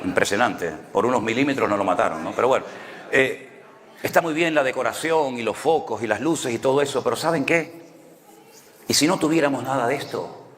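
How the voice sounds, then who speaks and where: A man's voice: mid-range voice, fairly quick, a bit bright, big-room sound. A man preaching a sermon in Canarian Spanish, telling stories in a conversational way and often asking rhetorical questions. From Canary Islands. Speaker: pastor.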